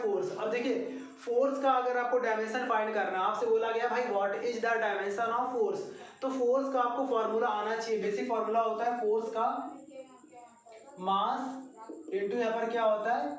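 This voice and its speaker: Male physics teacher, patient step-by-step lecturer, far from the mic in a booming classroom. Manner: repetitive, step-by-step explaining, addresses students directly. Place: classroom at a coaching centre. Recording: very echoey room, mic far off.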